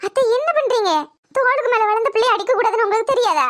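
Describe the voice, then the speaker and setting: A woman's voice: very high voice, rapid-fire, a bit bright, pitched above the performer's own voice. Woman voicing an alarmed young daughter-in-law. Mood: protesting. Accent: Tirunelveli Tamil.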